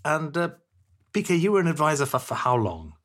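A man's voice: a little high, sing-song, brisk, fairly bright tone. A man interviewing two guests, friendly but hesitant, with many fillers and restarts. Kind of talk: casual interview.

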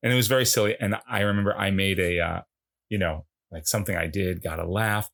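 Low creaky-voiced man telling stories. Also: fast. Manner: storytelling, self-deprecating, animated quoting. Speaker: podcast co-host. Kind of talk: casual chat.

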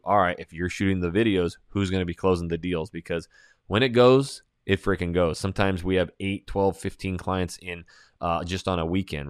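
Deep-voiced emphatic man, dry close mic. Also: dry recording. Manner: energetic, emphatic, salesy, with many fillers. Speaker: real estate agent and video coach. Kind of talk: casual webinar talk answering questions.

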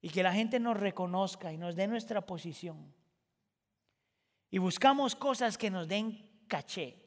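A man preaching a sermon as pastor, moving from quiet reflection to impassioned shouting. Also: high-pitched, expressive, unhurried, long reverb tail.

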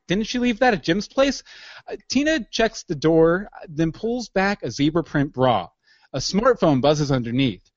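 Man narrating scene directions, lively pitch. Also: no echo, dull audio.

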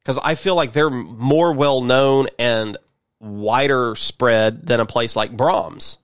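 A man talks casually and unscripted as a podcast co-host. His pitch is average for a man and the sound is dry, without room echo. He comes across as wry and self-deprecating, in natural conversation. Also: slow pace, clean tone.

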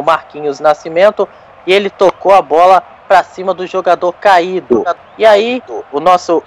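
A Brazilian man reporting live on a football match, colourful and slangy, stretching key words for emphasis. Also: fairly high pitch.

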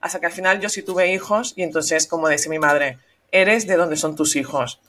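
A woman's voice: fairly low pitch, normal speed, a bit bright. A woman from Venezuela hosting a podcast interview, chatty and affirming toward her guest. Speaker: podcast host. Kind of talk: conversational interviewing.

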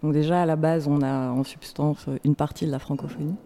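A woman's voice: low voice, fairly even intonation, a little fast, dark tone. A woman guest from a magazine collective answering in a radio interview, with a hesitant delivery full of fillers.

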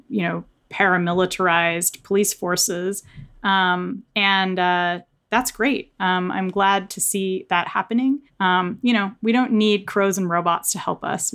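An American author being interviewed speaks earnestly and reflectively in a medium-pitched, fairly bright voice. Her tone is conversational, and she frequently says "like" and "you know."

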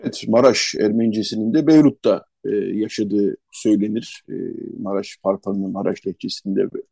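Mellow-voiced male radio host. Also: fairly low pitch, fairly even intonation, creaky, no room sound. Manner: unhurried, hesitant, lists places one by one. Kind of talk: conversational radio interview.

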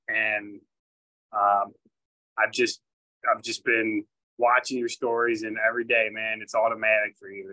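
Bright, flat-toned man talking earnestly. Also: fairly low pitch, poor audio. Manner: earnest, repeats "man" often. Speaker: caller. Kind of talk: casual chat.

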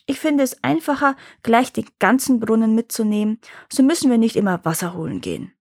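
A woman's voice: on the high side, sing-song, fairly quick, no room sound, studio quality. A woman reading the lines of a cunning young peasant man who boastfully bluffs a dragon in a storybook tale. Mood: sly.

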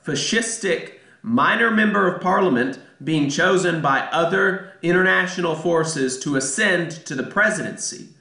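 A man's voice: high voice, bright, forceful tone, echoey room. A man hosting a radio show, reading a scripted intro in a voice worn by a cold. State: sick voice from a cold.

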